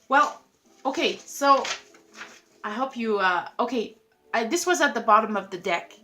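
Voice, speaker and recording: A woman with a fairly high voice giving a casual tarot reading straight to camera. She talks in an effusive, rambling way, leans on "like" constantly and laughs at her own asides. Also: sharp tone. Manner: chatty and effusive, lots of "like", laughs at herself. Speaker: tarot reader.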